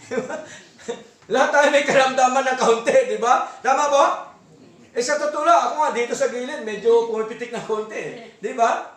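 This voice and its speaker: Man, Filipino accent, pastor, sermon, high voice, echoey church room. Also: fairly bright tone, recorded from a distance. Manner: asks the congregation for assent, reads verses slowly. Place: church hall.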